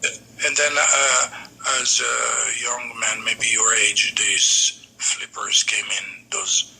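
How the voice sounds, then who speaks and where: A Morocco-born man in his seventies recalls his childhood for his grandson over a video call, unhurried and pausing often on "uh". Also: mid-range voice, little pitch movement, creaky, background noise. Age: 70s. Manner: unhurried reminiscing, pauses often on "uh". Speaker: grandfather being interviewed. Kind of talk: remote family interview.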